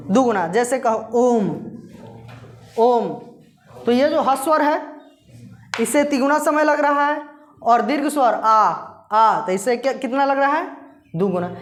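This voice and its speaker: A woman teaching a Hindi grammar lesson who asks her class questions, answers them herself and slowly repeats the key terms. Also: sits high, echoey room.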